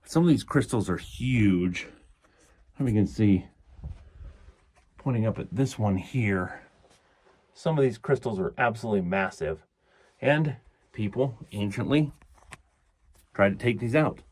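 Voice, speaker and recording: A man with a fairly low voice presents a casual exploration vlog. He explains things informally and rambles a little as he goes. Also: lively intonation, measured pace, long pauses, darkish tone, breathy edge.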